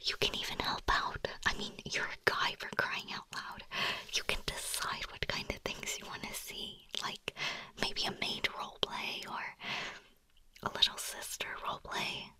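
A young woman performing a whispered ASMR roleplay as an anxious, broke young woman, speaking in a soft, confiding, pleading way. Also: a little slow, natural voice, rough recording. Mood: nervous, pleading. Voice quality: breathy whisper.

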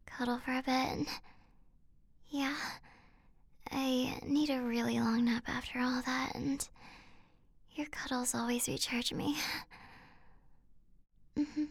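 A tender young shapeshifter girlfriend, as a woman plays her in a whispered audio roleplay. Her voice sits high and breathy, and it drifts along slowly and softly, right up close to the microphone. The sound is dry, with no room around it. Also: no echo, heavily acted. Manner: playful, tender, coaxing.

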